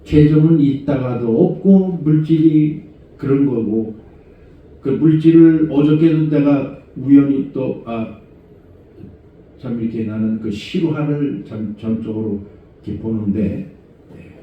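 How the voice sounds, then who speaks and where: A middle-aged man preaching a conversational sermon as senior pastor, asking rhetorical questions and moving between low murmurs and raised exhortation. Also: measured pace. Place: church sanctuary. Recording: echoey church hall, far from mic, dull sound.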